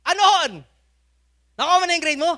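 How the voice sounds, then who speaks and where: A man acting out a furious middle-aged father who shouts and berates his son. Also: very high voice, animated, normal speed, voice pushed up. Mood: eager.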